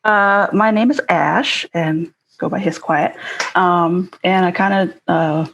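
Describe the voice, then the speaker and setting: Woman, lower voice, from Connecticut, hesitant, fillers, casual stream chat. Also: takes it slowly, muffled recording, a little hiss or hum. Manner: hesitant, many fillers and soft laughs. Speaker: guest musician.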